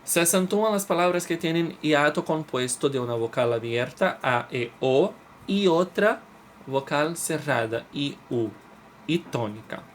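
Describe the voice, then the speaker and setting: Slow, patient male language teacher. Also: on the high side, expressive, a little hiss or hum. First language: Portuguese. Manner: explains step by step, checks in with "ok?" after each point; stretches out and stresses example words. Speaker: Spanish teacher. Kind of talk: recorded review lesson for schoolchildren.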